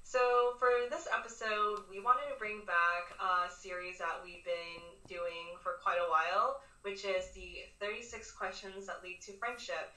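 A woman's voice: mid-range voice, fairly even intonation, measured pace, few pauses, bright, forceful tone. A woman hosting a podcast, explaining things in an informal, slightly hesitant conversational way. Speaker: podcast host. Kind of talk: casual podcast introduction and explanation. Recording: roomy echo, distant from mic.

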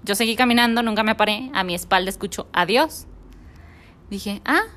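A woman's voice: medium pitch, fast, a bit bright. Mexican woman telling a personal story. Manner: acts out the quoted dialogue in her story.

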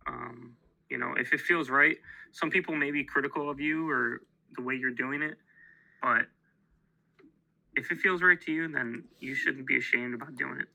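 A man with a gravelly, sharply bright voice talks about grief in a reflective podcast conversation. He searches for his words, pausing and restarting as he goes. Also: medium pitch, rough recording. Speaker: podcast co-host, bereaved father.

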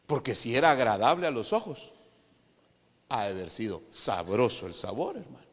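A man with a Guatemalan accent preaching a sermon, animated and emphatic, often calling his listeners "brother". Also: medium pitch, moderate pace, long reverb tail. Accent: Guatemalan Spanish. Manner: animated, addresses listeners as "hermano", rises to loud emphatic peaks.

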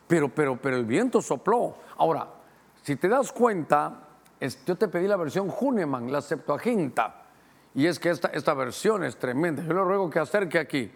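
A middle-aged man from Guatemala, a pastor preaching a Bible-study sermon who slows to read verses aloud and speeds through asides to his helpers. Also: on the high side, animated. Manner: teaching, directing helpers to show verses on screen.

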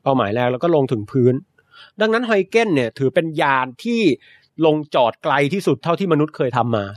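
A man's voice: medium pitch, very animated, quick pace, no room sound. A young Thai man co-hosting a podcast, casually explaining science news in a chatty, explanatory way. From Thailand. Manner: explanatory, chatty, adds polite particles.

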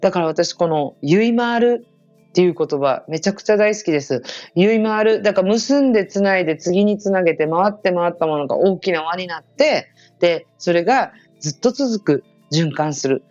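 A woman from Okinawa, hosting a podcast and telling a story in a chatty, casual way that turns animated when she quotes others. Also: lowish voice, fairly quick, dry recording. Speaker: podcast host. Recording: slightly dull podcast audio with faint music.

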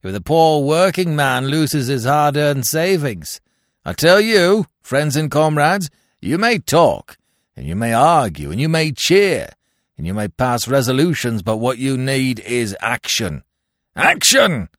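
Give me a man playing a rousing young soapbox agitator, animated and emphatic. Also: mid-range voice, unhurried, hardly any pauses, dry recording, clean studio sound, pitched below the performer's own voice. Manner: rousing, oratorical, building to a shout.

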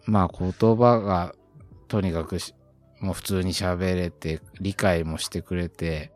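A man with a very deep, low voice chats casually as a podcast co-host. He rambles and thinks aloud, padding his sentences with fillers. Faint music sits quietly behind him. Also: steady tone, a little slow. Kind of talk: casual chat.

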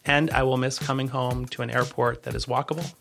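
A man giving a conversational podcast interview as an agency leader, earnest and halting, often rephrasing as he goes. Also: mid-range voice, fairly even intonation, gravelly, fairly bright tone, faint music behind.

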